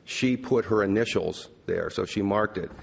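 A man with a lowish, creaky voice makes a formal legal argument in measured, deferential phrases. He is recorded in a reverberant courtroom with faint background noise. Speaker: lawyer arguing an appeal. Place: large courtroom.

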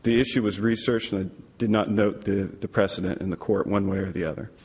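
A man speaking as an appellate lawyer, delivering a formal but somewhat halting oral argument in court. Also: on the low side, steady tone, a little mellow, slight background noise. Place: large courtroom. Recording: reverberant courtroom.

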